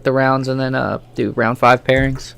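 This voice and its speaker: A man's voice: mid-range voice, little pitch movement, gravelly, a bit bright, clear, resonant tone. A man commentating a card game stream in casual chat, rambling with lots of fillers. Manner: fast, rambling, many fillers.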